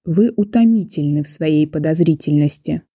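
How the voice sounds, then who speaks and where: A woman's voice: mid-range voice, animated, moderate pace, mellow, no room sound. A woman voicing a weary middle-aged jury chair. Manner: dry, tired, clipped. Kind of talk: audiobook reading.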